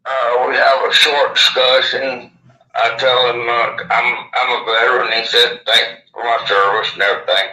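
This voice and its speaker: Missing upper teeth give this man a lisp and slushy s sounds as he tells, in interview, a story he lived through, speaking folksy, plain, and rambling. His mid-range voice has a sharp tone, and the low-quality recording sounds echoey.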